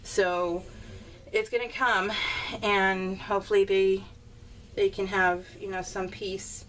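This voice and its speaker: Her voice sits mid-range with little pitch movement, slow pacing, and a slightly bright quality. She's an American woman hosting a homemade craft vlog, rambling and giggling through casual real-time chatter. A slightly distant mic picks up faint room noise.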